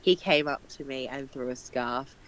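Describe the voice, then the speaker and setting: A woman recounts a trip in casual conversation. She laughs often and tells it with plenty of animation. Her voice is loud and unguarded, as she says herself. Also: very deep voice, moderate pace, low-quality recording. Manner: loud, self-described as not quiet. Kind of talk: casual chat.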